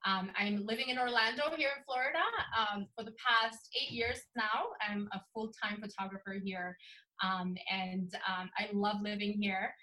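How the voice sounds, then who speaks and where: A woman's voice: medium pitch, fairly even intonation, moderate pace, pushed and bright, poor audio. A woman from Sweden, a guest on a podcast, talking in an upbeat, cheerful way. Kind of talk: casual interview.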